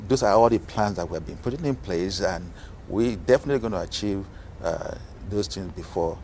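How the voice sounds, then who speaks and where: A man from Nigeria speaking as a guest on a TV interview, measured and with frequent fillers. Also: low-pitched, mellow, slight background noise. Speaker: guest, organization president.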